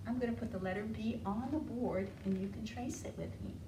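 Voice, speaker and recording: Her voice on the high side, steady in tone and fairly quick, a woman leads a library storytime for young kids with stories and rhymes. She coaxes them along with questions, captured by a distant mic in an echoey room with clear noise.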